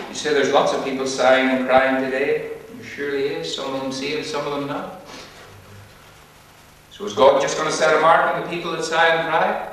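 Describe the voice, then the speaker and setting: Fervent preacher in echoey hall. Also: male voice, medium pitch, a bit bright, slight background noise. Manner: fervent pulpit preaching, repetitive, biblical phrasing. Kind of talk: sermon. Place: church meeting hall. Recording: echoey church hall, voice far from mic.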